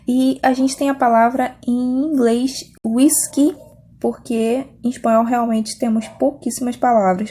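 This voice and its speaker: A woman's voice: fairly high pitch, darkish tone, breathy edge. A woman with a Brazilian Portuguese accent explaining a language lesson patiently, often checking in with her students. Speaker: Spanish teacher.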